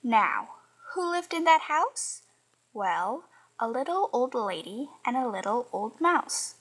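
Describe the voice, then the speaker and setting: A woman reading a children's picture book aloud in an expressive, sing-song way. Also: a little high, slow pace, husky, rough recording.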